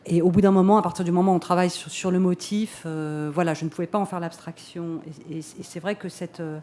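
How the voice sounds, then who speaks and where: Casting: filmmaker at a press conference, mellow mid-pitched voice, reflective, searching and hesitant. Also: fairly even intonation, fast. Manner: hesitant, thoughtful, repeating words. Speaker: filmmaker answering questions.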